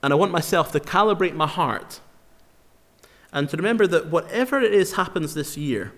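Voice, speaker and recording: A man preaching a sermon in an earnest, emphatic way, slowing down to repeat key phrases for weight. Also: fairly high pitch, animated, fairly bright tone. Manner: earnest, emphatic, with slow dramatic repetitions. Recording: long hall reverb.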